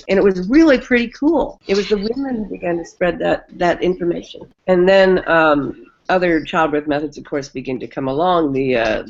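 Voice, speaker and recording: An older American woman, a midwife, telling the oral history of her craft in an animated way, full of restarts. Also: sits low, vocal fry, dull audio. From United States. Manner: animated, acts out quoted voices, many restarts.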